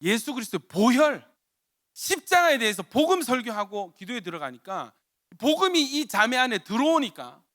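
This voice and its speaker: Young adult man, pastor, sermon, exclamatory storytelling, lively pitch, dry sound. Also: normal speed, no room sound. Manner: animated storytelling, repeated exclamations.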